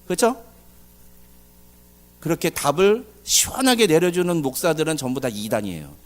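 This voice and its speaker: Pastor type, male, high-ish voice that swings wide, preaches with big dramatic bursts. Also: normal speed. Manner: animated preaching with loud dramatic outbursts; asks the congregation questions. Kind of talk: sermon. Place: church service.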